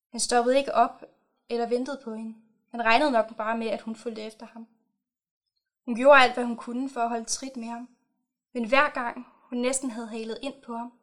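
A woman reads aloud a short story she wrote herself, in a measured storytelling manner. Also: on the high side. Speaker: author. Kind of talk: reading her own short story aloud.

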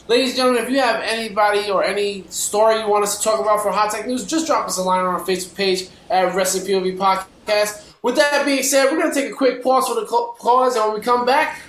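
A man's voice: high voice, a bit bright. A man hosting a podcast in a casual, conversational wrestling-talk style. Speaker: podcast host. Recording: roomy, echoey sound.

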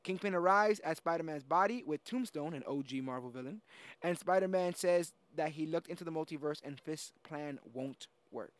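A man's voice: fairly high pitch, normal speed, dry recording. A man hosting a casual chat, summarizing a film plot in a loose, chatty way with many fillers. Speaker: podcast host recapping a film.

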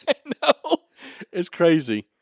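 A man hosting a casual film review chat, animated and profane, joking as he runs the talk. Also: on the low side, moderate pace, no echo. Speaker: podcast host reviewing a film.

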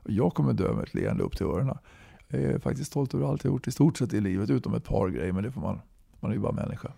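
Man in his 60s, heavy fry, dark tone, chatty guest who peppers lines with "va?"; dry sound. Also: lowish voice, lively intonation, no room sound. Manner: talkative, tags sentences with "va?". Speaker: guest, musician and movement leader. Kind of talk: casual conversational interview.

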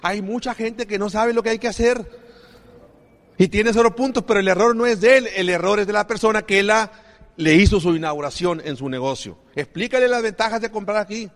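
A man's voice: sits high, fairly quick. A man giving an emphatic motivational stage talk, often putting questions to the audience. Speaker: business opportunity speaker. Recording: long reverb of a large hall.

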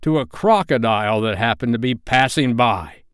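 A man voicing a brooding, vengeful, petulant pirate captain for a storybook, with slow, dark, menacing delivery. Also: medium pitch, clean tone, dry recording, clean studio sound, close to an everyday voice. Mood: passionate, vengeful. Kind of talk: storybook character voice.

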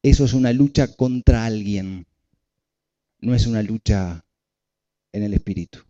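A man's voice: fairly low pitch, measured pace, mellow, highs cut off. A male pastor preaching a sermon, repeating key phrases and asking the congregation questions.

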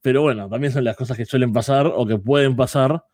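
Male co-host, average pitch, casual review chat, close and dry sound. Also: brisk, a little mellow, dry recording. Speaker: wrestling podcast co-host.

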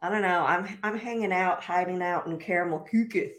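A woman's voice: on the low side, a little fast, a little hiss or hum. A woman hosting a podcast in casual chat, agreeable and easygoing, wrapping up the show with reminders to listeners. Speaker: podcast host.

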